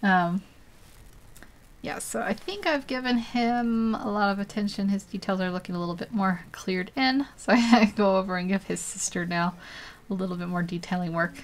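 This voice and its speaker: Woman, mid pitch, friendly rambling live-paint streamer who giggles a lot; light hum in the background. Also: normal speed. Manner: chatty, laughs often, rambling with fillers. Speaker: digital painting livestreamer. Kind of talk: casual live painting commentary.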